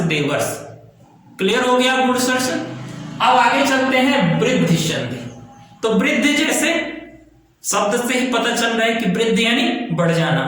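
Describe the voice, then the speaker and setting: A man teaching a grammar lesson, explaining slowly and repeating key terms while checking that students follow. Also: sits high, fairly bright tone, slight background noise. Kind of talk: classroom lesson. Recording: very echoey room.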